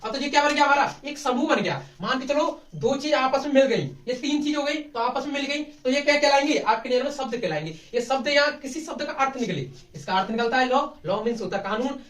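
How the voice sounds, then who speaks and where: A male teacher giving a grammar lesson in Hindi, often asking a question and then answering it himself. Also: very high-pitched. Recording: echoey classroom from far off.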